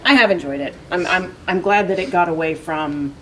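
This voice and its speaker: A woman's voice: fairly low pitch, fairly quick, slight background noise, rough recording. A woman librarian guest co-hosting a casual book chat, playful and giggly in her banter.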